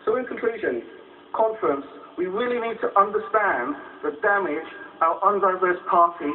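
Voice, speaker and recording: A man's voice: sits high, moderate pace. A man delivering a political conference speech as a delegate, emphatic and given to rhetorical repetition. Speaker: political party delegate proposing a motion. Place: conference hall, speaking to delegates. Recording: distant, tinny narrow-band hall microphone, faint noise.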